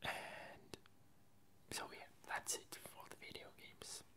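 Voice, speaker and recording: An ASMR creator talks casually in a breathy, unvoiced whisper, rambling haltingly and frequently correcting herself.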